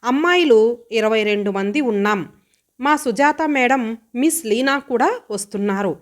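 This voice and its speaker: A woman's voice: fairly high pitch, animated. A woman voicing a headstrong, teasing college girl who answers back boldly. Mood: defiant. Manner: bold, mocking, quick retorts.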